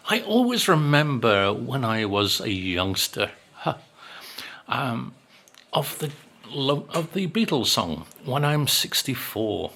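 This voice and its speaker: Slow, bright-voiced man in his sixties. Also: medium pitch, big pitch swings. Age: 60s. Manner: rambling and wry, with many ums. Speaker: vlogger. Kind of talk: casual chat to camera.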